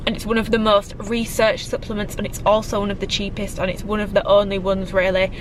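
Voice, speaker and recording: This twenty-something British fitness vlogger speaks a little fast with a flat delivery at medium pitch, chatting casually to camera with lots of likes and ums. A cold has slightly blocked her nose. Background noise is present as she records in a parked car and at home.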